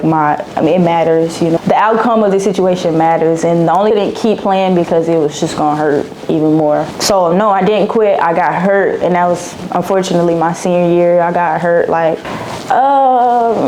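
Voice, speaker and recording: A woman's voice: lowish voice, warm tone, slight background noise, poor audio. A young woman, chatting casually through a Q&A vlog in a slangy, repetitive way. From Dallas, Texas. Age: 20s. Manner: chatty, slangy, repeats herself. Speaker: vlogger.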